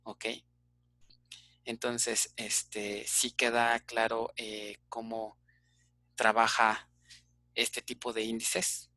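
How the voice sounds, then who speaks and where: A man's voice: mid-range voice, flat delivery, very slow, long pauses, sharp tone, no echo. A man with a Mexican Spanish accent teaching an online database class, explaining step by step and checking in with frequent "ok?" fillers.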